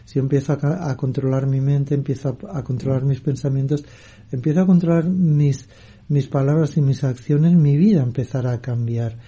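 Calm, very dark-voiced meditation teacher. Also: male voice, medium pitch, breathy edge, highs cut off. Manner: calm, measured, thoughtful delivery. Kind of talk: reflective spiritual talk.

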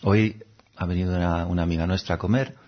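A man giving a gentle, unhurried reflective talk, now and then slipping into little voices to act out examples. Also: low-pitched, steady tone. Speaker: speaker giving a talk on habits. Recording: dull, lo-fi recording.

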